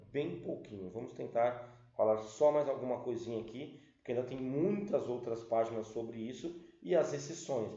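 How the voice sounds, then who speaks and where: A man's voice: mid-range voice, mellow. A man with a Brazilian Portuguese accent teaching an English grammar lesson, explaining step by step and checking in with the class. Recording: roomy dull lo-fi sound.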